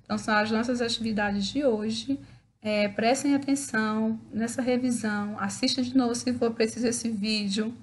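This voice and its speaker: A woman's voice: on the high side, steady tone, moderate pace. A Brazilian woman teacher giving a recorded lesson to schoolchildren, patiently spelling out words syllable by syllable and checking in after each point. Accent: Brazilian Portuguese.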